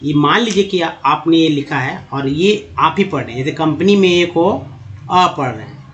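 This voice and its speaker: A man teaching a slide-based language lesson as a voice-over, slowly spelling words out letter by letter and calling his viewers friends. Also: fairly high pitch, expressive, highs cut off. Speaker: English teacher.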